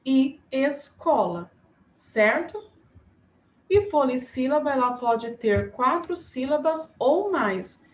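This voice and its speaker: A woman teacher giving a remote class to young pupils, slow and patient, spelling words out syllable by syllable. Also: high voice, animated. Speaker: primary school teacher. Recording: echoey room, faint background noise.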